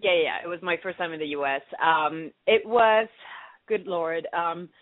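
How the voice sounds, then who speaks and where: A woman's voice: on the low side, moderate pace, dry recording. French-accented woman on a tinny line. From France. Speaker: guest actress. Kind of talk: casual interview chat. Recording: tinny dry phone-like line.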